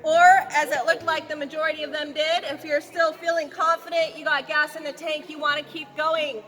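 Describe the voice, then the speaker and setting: A woman's voice: sits high, flat delivery, moderate pace, a bit bright. A woman working as a tour guide, giving jokey, folksy commentary to a group in an echoing cave. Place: inside a large underground cavern. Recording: echoey cave reverb, music behind.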